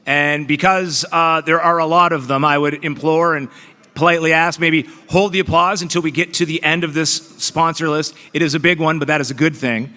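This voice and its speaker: A man's voice: fairly high pitch, fairly even intonation, brisk, bright, forceful tone. Man, awards show host, playful self-mocking patter, long hall reverb. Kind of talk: emceeing a live awards gala. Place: large banquet hall.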